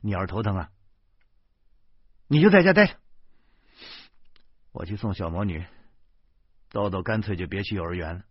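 A man reading a storybook, voicing an anxious, quick-tempered wife in a raised voice. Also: deep voice, lively intonation, slightly rough, no echo, muffled recording. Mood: cross.

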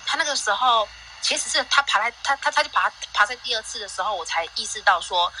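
Mother on a call-in chat, bright tone, halting and rambling delivery. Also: medium pitch, expressive, a little hiss or hum, low-quality recording. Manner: rambling, many restarts and fillers. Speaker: guest parent. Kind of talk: casual sharing on a live audio chat.

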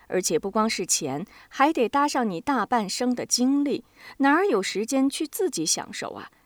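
A woman narrates a novel in an expressive storytelling manner. Her pitch moves a lot from phrase to phrase, rising and falling. The recording is dry and close, with no echo. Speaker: audiobook reader.

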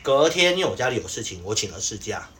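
A man's voice: medium pitch, very animated, fast talker, a bit bright. A young man, telling an exasperated work story in casual podcast chat, full of fillers. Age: young adult.

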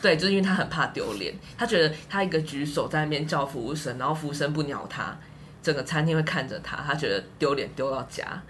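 Woman, Taiwanese Mandarin accent, casual podcast chat, animated, laughing storyteller, bright voice, faint background noise. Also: low voice, fast. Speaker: guest.

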